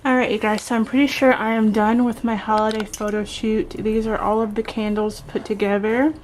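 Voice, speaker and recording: A woman's voice: a little high, little pitch movement, normal speed. A woman vlogger chatting casually, her speech slightly affected by braces. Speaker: vlogger and candle maker. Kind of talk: casual vlog chat. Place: indoors at home. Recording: clearly noisy home recording.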